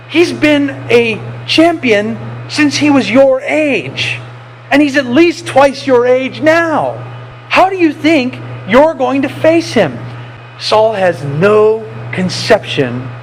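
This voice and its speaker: A man pastor preaching a sermon, animated, swinging between loud and hushed with playful asides. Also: high voice, slight background noise, poor audio.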